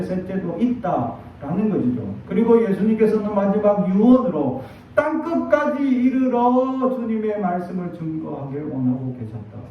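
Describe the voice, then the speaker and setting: A middle-aged male pastor preaches a sermon with a high voice, switching into quoted lines as he tells his stories. He is heard from some distance in a strongly echoing room, and the sound is dull. A faint background hum runs underneath. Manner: animated storytelling with acted quotes. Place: church sanctuary.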